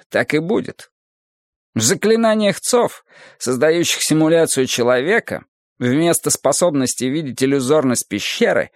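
Brief: man doing a calm, sorrowful philosopher-teacher for an audiobook, slow and measured, lively pitch, dry read. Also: no room sound. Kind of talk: audiobook character reading.

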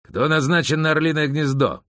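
A man playing a brash former prince whose voice drops low and gruff. He talks with mocking ease and a hard, commanding edge. The audiobook sound is dry and close. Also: very animated, moderate pace, a bit bright, dry recording, full character voice.

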